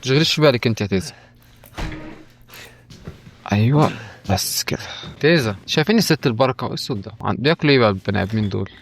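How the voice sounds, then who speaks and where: Brief: young male Egyptian gaming YouTuber, rapid jokey horror playthrough commentary, mid-pitched. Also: expressive, vocal fry, slight background noise. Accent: Egyptian Arabic. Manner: jokey, rapid-fire, often panicked and pleading.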